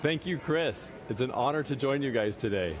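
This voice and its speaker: Man speaking over clearly noisy link. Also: medium pitch, animated, normal speed. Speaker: company representative putting questions to astronauts. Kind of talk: live event remarks and questions. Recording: noisy live link with ambient hum.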